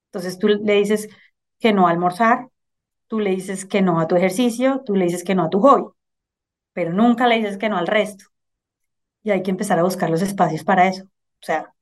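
A middle-aged woman with a Colombian Spanish accent, speaking as an interview guest in an earnest, animated way and often checking in with "¿sí?". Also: mid-range voice. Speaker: finance director, guest. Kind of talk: casual conversational interview.

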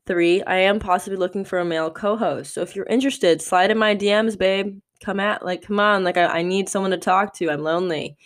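A woman's voice: mid-range voice, steady tone, a little fast, hardly any pauses. A woman in her twenties hosting a solo podcast, talking candidly and rambling with lots of "like" fillers. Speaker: podcast host.

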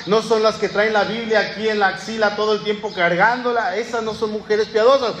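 A man's voice: sits high, fairly bright tone, a little hiss or hum. A man, a pastor preaching a sermon to his congregation in a conversational way. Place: church sanctuary. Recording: echoey church room.

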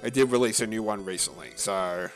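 On a casual gaming podcast, a male co-host with a lowish voice speaks haltingly and profanely, rambling along with plenty of fillers and restarts. Soft background music runs underneath.

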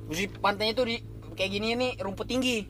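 Male storyteller, casual horror-podcast chat, high quick voice, repeats himself. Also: steady tone, over music. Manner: rambling, slangy, repeats himself while describing. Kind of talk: casual chat, telling a camping ghost story.

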